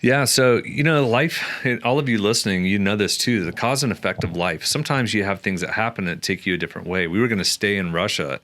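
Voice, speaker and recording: Brief: very low, resonant male guest, dry close sound, chatty storyteller who restarts his sentences. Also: no room sound. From Oklahoma, USA. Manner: animated, many restarts and fillers. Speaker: author and guest. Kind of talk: conversational storytelling interview.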